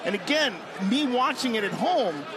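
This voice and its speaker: A man giving live MMA colour commentary in an excitable, emphatic, colloquial way. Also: extremely high pitch, moderate pace, background noise. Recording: loud arena crowd behind commentators.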